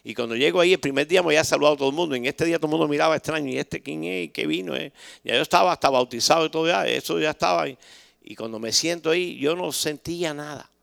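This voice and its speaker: A man's voice: a little high, rapid-fire, vocal fry, fairly bright tone, no echo, studio quality. A man giving a spoken religious testimony to a church, emphatic and acting out the dialogue he recalls in shifting voices.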